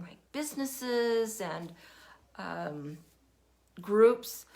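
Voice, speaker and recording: An older woman with a medium-pitched voice hosts a casual livestream, chatting warmly to viewers and meandering with plenty of fillers. She's recovering from a lingering cough, her throat still rough, and has a cough drop in her mouth.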